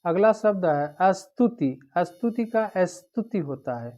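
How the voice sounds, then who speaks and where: Male teacher, exam-prep lecture, slow and deliberate delivery, muffled lo-fi sound. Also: sits high, expressive. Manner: repetitive drilling of word pairs. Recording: dull lo-fi recording.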